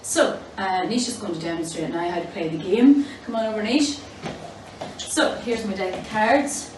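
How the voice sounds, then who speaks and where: A woman with a medium-pitched voice, speaking at a moderate pace, demonstrates an exercise game for children with simple, encouraging instructions. The mic is distant and the sound roomy, with clear background noise.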